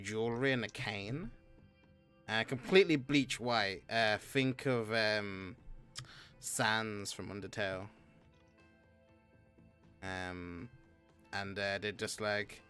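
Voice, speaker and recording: A man's voice: medium pitch, bright, forceful tone, smooth. A man working as game master, narrating a tabletop game in a casual, improvised way.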